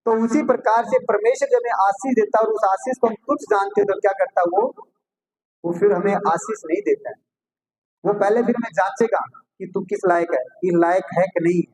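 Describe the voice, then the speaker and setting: A man with a notably high voice preaches a sermon. He reads scripture passages aloud, then unpacks them for his listeners, repeatedly posing rhetorical questions and answering them himself. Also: a little fast, a little mellow, slightly rough, low-quality recording.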